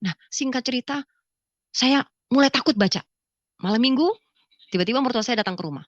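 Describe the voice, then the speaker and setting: A woman giving a spoken religious testimony, acting out conversations with lively vocal shifts. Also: fairly high pitch, brisk, dry recording, dull audio. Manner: animated storyteller who acts out dialogue in a raised voice. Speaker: testimony speaker.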